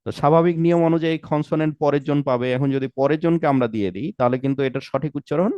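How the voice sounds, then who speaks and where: A man's voice: on the high side, racing, a little mellow, dry recording, muffled recording. A man teaching an online English pronunciation class, patiently breaking words into syllables, asking rhetorical questions and mixing English terms into his speech. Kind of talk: live online class lecture.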